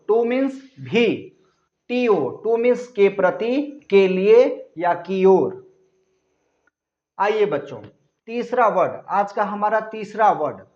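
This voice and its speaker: Slow, high-voiced male tutor. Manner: spells words letter by letter and repeats key answers; asks the children questions and answers them himself. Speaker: English teacher. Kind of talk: classroom grammar lesson. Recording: echoey room, dull lo-fi sound.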